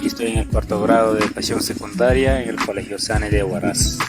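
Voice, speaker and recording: A man from Huánuco, Peru introduces himself formally in a lowish voice with a Peruvian Spanish accent. Loud music plays beneath him. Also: steady tone, fairly quick. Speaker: secondary student.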